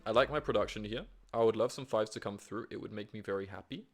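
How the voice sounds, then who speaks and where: A young man streaming himself playing a board game online, talking to himself with excitable, swearing commentary. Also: lowish voice, fast, faint music behind. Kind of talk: live gameplay commentary.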